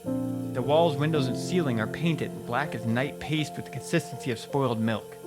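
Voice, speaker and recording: A man giving a dramatic, scripted first-person narration of a horror story, with deliberate pauses. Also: mid-range voice. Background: music.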